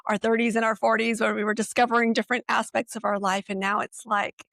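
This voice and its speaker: Gravelly, upbeat woman in her forties. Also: a little high, fast talker, no room sound. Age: 40s. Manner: upbeat and animated, quoting others with lively emphasis. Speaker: podcast guest, founder. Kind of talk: casual podcast conversation.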